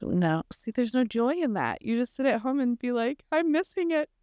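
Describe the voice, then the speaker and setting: A middle-aged woman co-hosting a casual chat podcast, telling stories with quoted exchanges, her voice slightly hoarse from laryngitis. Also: fairly high pitch, big pitch swings, normal speed, darkish tone, dry recording, studio quality. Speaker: podcast co-host.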